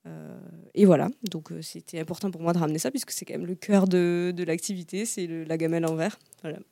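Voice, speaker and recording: A fairly low, creaky, dark-toned female voice speaks quickly and steadily in a dry, clean studio recording. She's the guest, founder of a small zero-waste tart shop, giving casual, hesitant answers peppered with fillers and restarts.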